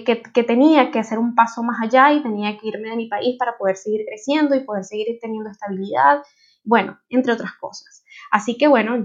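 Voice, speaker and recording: A Venezuelan woman with a fairly high voice, talking to listeners in an earnest, personal, conversational way. She has a Venezuelan Spanish accent. The recording is somewhat dull and lo-fi. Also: darkish tone. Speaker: podcast host. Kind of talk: podcast introduction monologue.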